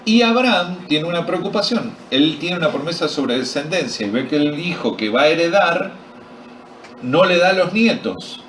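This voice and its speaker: Speaking at normal speed in a slightly high, expressive, somewhat bright voice, this Argentine pastor tells a story at a men's retreat, testing his listeners with questions and cracking jokes. The distant recording of the echoey hall carries slight background noise.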